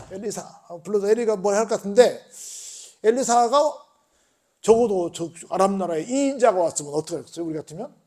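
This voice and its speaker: High-voiced man preaching a sermon. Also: mellow, breathy edge. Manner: keeps asking the congregation rhetorical questions; colloquial storytelling. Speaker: pastor.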